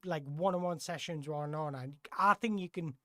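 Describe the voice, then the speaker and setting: A football host on a live stream, talking things through in a loose, chatty way and often backing up to rephrase mid-sentence. The voice sits at an ordinary middle pitch. The sound is close and dry, with no room echo. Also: fairly quick, bright, forceful tone. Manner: rambling, self-correcting, chatty. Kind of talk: casual live-stream chat answering viewer questions.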